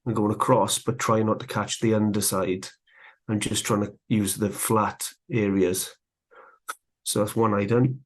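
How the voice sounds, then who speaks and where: A man teaching woodcarving live, chatting in a relaxed way as he works, a little out of breath. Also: on the low side, measured pace. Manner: relaxed, chatty, talks while working. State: slightly out of breath. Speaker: woodcarving instructor. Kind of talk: live carving tutorial.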